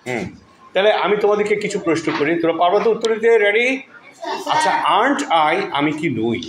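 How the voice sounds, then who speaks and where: A man's voice: sits high, sing-song, a little fast. A man, teaching a class of children and drilling them, praising and prompting their answers. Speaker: English teacher. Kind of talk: classroom lesson drilling students. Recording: echoey room with faint ambient noise.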